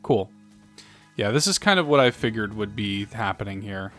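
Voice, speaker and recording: A man's voice: lowish voice, animated, normal speed, a bit bright, soft background music. Man musing casually over a video game. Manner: musing, thinking aloud. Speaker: video game player and commentator. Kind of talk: casual let's play commentary.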